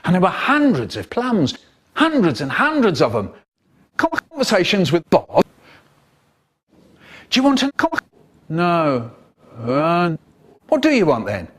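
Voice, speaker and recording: Spliced-word male narrator, slow, wildly swinging pitch, choppy edits between words. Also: huge pitch swings, slightly rough. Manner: jumpy, jarring shifts in pitch and loudness between words. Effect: spliced together word by word from clips.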